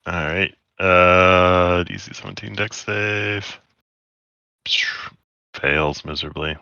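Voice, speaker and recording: A man serves as game master, narrating the action and making calm rulings in an unhurried, matter-of-fact way. His voice is very low and smooth with a bright edge. The sound is dry and a little muffled. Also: no room sound.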